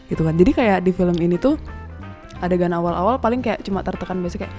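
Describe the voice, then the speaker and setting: A woman, co-hosting a film review in casual, animated banter. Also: on the low side, fast talker, faint music behind. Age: 20s. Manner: animated, laughs often, slangy Jakarta-style banter. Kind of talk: casual chat.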